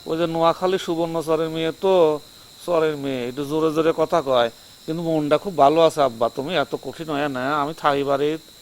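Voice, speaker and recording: Earnest young son, played by a man, slightly high voice. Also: steady tone, fast talker, slight background noise, close to an everyday voice. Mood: pleading. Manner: earnest, pleading. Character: newly married elder son, torn.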